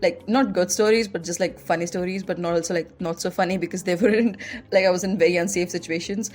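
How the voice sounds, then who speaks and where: This young podcast host from India talks fast in a lowish, steady, darkish voice with an Indian English accent. She tells personal stories casually and chattily, filling them with "like."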